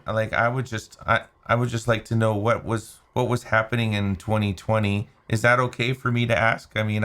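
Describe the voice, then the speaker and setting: A man hosting a podcast, asking gentle, hesitant questions with many restarts. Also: lowish voice, smooth. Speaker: podcast host. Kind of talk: casual interview.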